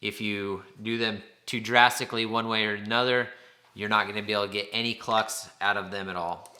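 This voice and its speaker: A man's voice: on the low side, flat delivery, brisk, pushed and bright. A man giving an informal, plain-spoken instructional demonstration, explaining things step by step.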